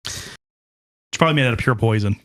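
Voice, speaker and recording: A man co-hosting a comedy podcast, cracking deadpan quips in casual banter. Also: mid-range voice, moderate pace. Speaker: podcast co-host.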